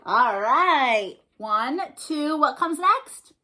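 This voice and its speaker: A librarian hosting storytime for little ones reads aloud in a voice that sits high, animated, pushed, and bright, drawing out her words. She chats in an encouraging sing-song, full of questions and praise.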